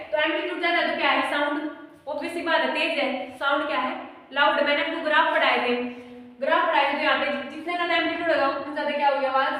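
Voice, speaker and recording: Lady teacher, high voice, quizzes the class then answers herself, far from the mic in a big echoey room. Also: sharp tone. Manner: repeats questions and answers them herself; dictates definitions slowly for notes. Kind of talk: classroom physics lesson.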